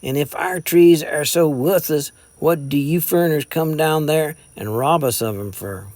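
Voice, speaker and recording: A man's voice: a little high, measured pace, vocal fry, a little mellow, dry recording, pitched above the performer's own voice. A man voicing a belligerent young boy with a drawl, sneering backwoods talk. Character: belligerent young male mountain boy, hot-tempered.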